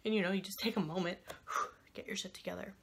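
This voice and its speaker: A young woman hosting a podcast, telling a personal story in a candid, animated way with frequent swearing and quick asides. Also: medium pitch, gravelly, husky. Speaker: podcast host.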